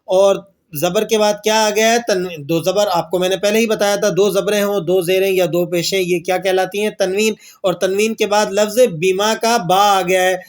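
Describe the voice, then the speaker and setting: A man teaching Quran recitation, who asks questions and answers them himself and slowly draws out the verses he recites as examples. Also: sits high. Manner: slow drawn-out recitation of verses. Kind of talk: tajweed lesson with recited examples.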